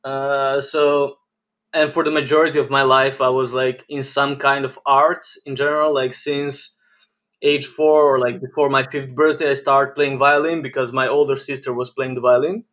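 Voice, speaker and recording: A man's voice: medium pitch, moderate pace. A man in his twenties with a Serbian accent, a podcast guest telling his life story in a casual, rambling way, full of "like" fillers. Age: 20s. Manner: rambling, many "like" fillers, flat delivery. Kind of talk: casual interview chat.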